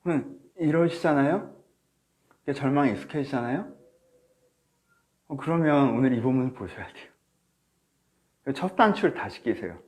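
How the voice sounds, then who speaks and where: A man's voice: mid-range voice, animated, normal speed, long pauses, darkish tone. A male pastor preaching a sermon through a face mask, slightly muffled, addressing listeners directly with questions and acting out inner thoughts. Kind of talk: sermon to a congregation, preached online. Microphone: speaking through a face mask.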